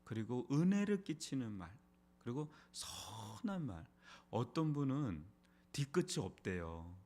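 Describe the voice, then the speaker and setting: A man's voice: medium pitch, a little mellow. A middle-aged man, a pastor, preaching an early morning sermon in a church in a conversational way, with frequent rhetorical questions. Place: church sanctuary.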